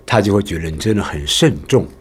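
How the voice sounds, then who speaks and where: Husky-voiced man teaching with lively pitch. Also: fast. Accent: Taiwanese Mandarin. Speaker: voice actor and teacher. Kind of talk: casual podcast chat, teaching.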